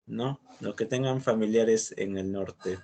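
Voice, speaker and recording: A man's voice: fairly low pitch, slow pace, gravelly, warm tone. A man from Lima with a Limeño Peruvian accent, teaching a literature class in a chatty way and tagging his sentences with "¿no?". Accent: Limeño Peruvian Spanish. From Lima, Peru. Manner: chatty, tags sentences with "¿no?" and "justamente".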